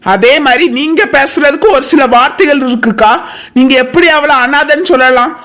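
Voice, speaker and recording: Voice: high voice, moderate pace, fairly bright tone. A performer voicing an earnest younger brother in a cartoon family drama, pleading and reasoning in defence of his wife.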